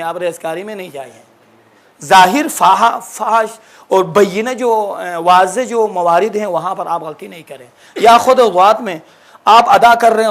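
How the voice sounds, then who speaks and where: A man with a fairly high voice gives a recitation lesson. He explains step by step, restarting and repeating examples as he goes. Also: a bit bright. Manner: explanatory, repeats and corrects himself. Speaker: religious teacher. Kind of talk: lesson answering a question.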